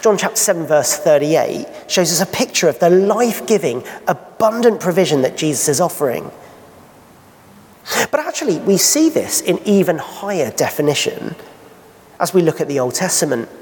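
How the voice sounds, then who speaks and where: A man's voice: on the high side, very animated, moderate pace, darkish tone. A man preaching a sermon in church, asking rhetorical questions and painting vivid scenes. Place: church hall. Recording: long hall reverb.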